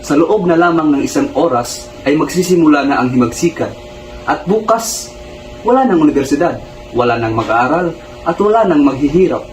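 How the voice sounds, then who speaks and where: A stern, scheming older revolutionary, played by a man in a student stage drama, his voice sitting rather high for a man. He speaks with intense, commanding urgency. The room around him rings with echo, and noise runs underneath. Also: lively intonation, normal speed, close to an everyday voice. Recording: echoey room with background noise.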